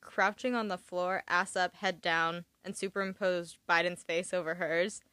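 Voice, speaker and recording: A woman's voice: lowish voice, fairly even intonation, moderate pace, pushed and bright, clean tone, dry recording. A young woman from California in her twenties hosting a casual chat, with chatty, dryly sarcastic asides.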